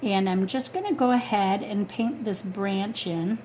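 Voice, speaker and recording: Speaking close to the mic at a measured pace, a woman with a mid-range, slightly mellow voice gives a casual watercolor tutorial, thinking aloud and using lots of fillers. She's an art instructor working in her home studio, which has a wood stove. A faint blower hum runs in the background.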